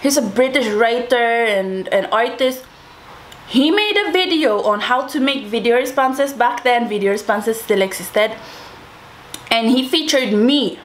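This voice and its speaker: A young woman with a fairly high voice talks casually to her viewers. She tells a personal story in an informal, chatty way, addressing the listeners directly. A little background noise sits behind her voice. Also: animated, a little slow. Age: young adult. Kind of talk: casual storytime chat to camera.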